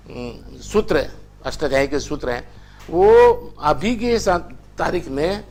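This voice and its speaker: An older man teaching a language class, lecturing in a chatty way and telling anecdotes. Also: a little high. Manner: chatty, anecdotal, tells stories with acted quotes.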